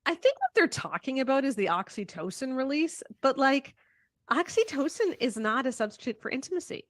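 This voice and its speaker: A woman with a fairly high voice and very lively intonation, talking in a conversational discussion. The sound is dry and close. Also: fairly quick, no room sound. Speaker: discussion panelist.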